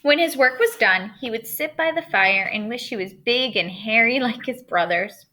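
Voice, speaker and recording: With a fairly high, bright and forceful voice and lively intonation, this writing teacher talks at normal speed, with a little hiss or hum in the audio. She leads a remote elementary lesson built around a storybook read-aloud, speaking directly to her pupils and asking them questions.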